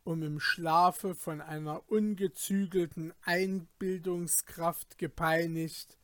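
Brief: male audiobook narrator, high voice, unhurried dramatic telling, dry booth sound. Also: steady tone, fairly bright tone, dry recording. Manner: measured, dramatic storytelling.

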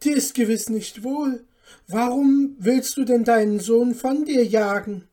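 A woman's voice: mid-range voice, slow pace, dark tone, husky. A woman voicing a frightened, pleading young boy in a read-aloud fairy tale. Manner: pleading, anxious. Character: timid bewildered young boy turned dwarf. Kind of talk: storybook reading.

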